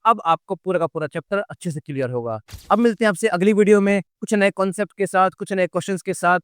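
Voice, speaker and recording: A man's voice: sits high, fast, fairly bright tone, clean tone, no room sound. A male teacher explaining accounting to students patiently, repeating key points and calling them kids. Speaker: commerce teacher. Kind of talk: classroom-style lesson.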